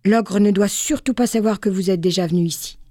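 A woman voicing a young enchanted maiden who speaks softly and with quiet composure, in a read fairy tale. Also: medium pitch, brisk, no echo, studio quality, natural voice. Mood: urgent. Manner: soft, composed, faintly sad. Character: enchanted young maiden, pale, calm and wise.

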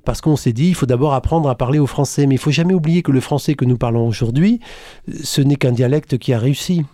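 A man's voice: mid-range voice, fast talker, dark tone, dry recording, clean studio sound. A man from the south of France, an economics professor, speaking as a radio guest with a neutral accent, restarting and repeating words as he goes. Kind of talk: radio interview talk. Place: radio studio.

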